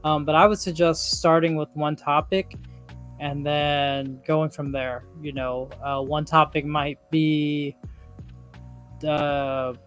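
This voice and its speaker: Man, podcast co-host, casual advice, fairly high voice, lots of fillers, faint music underneath. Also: flat delivery, slow pace, a bit bright. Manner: easygoing, filler-heavy, encouraging.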